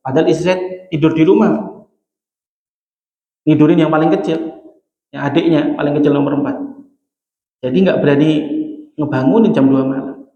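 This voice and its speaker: Middle-aged guy preaching in a mosque, higher-ish voice, big roomy echo. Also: moderate pace, pauses often, muffled recording. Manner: animated, acts out dialogue, chuckles at own jokes. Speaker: Islamic preacher. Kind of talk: conversational sermon with storytelling. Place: large mosque hall. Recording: echoey mosque hall with long reverb.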